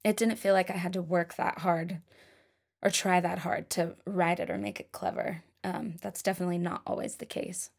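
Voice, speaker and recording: A woman's voice: fairly low pitch, normal speed, creaky. A young woman singer-songwriter talking casually about writing her songs, chatty and self-deprecating.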